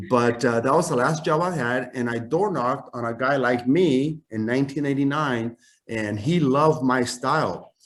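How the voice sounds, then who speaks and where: Man from Chile, native Spanish speaker, 50s, casual rambling storytelling, video call, average pitch. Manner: rambling, many fillers and restarts. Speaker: guest, custom clothing company founder.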